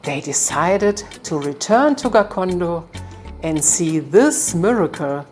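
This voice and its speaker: A woman narrating a folktale in a calm, measured storytelling manner. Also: on the low side, soft background music.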